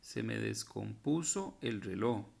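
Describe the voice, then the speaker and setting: A man's voice: fairly low pitch, expressive, takes it slowly, vocal fry, darkish tone, husky. A man teaching a recorded grammar lesson, patiently working through verb forms one at a time and stopping to correct typos and his own slips. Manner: corrects himself and points out typos.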